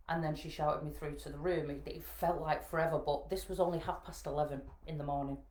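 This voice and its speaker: Low-voiced Northern English woman, frank. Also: a little mellow. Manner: plainspoken and frank, with dry jokey asides. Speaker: vlogger sharing her own story. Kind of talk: personal storytelling to camera. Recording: roomy echo.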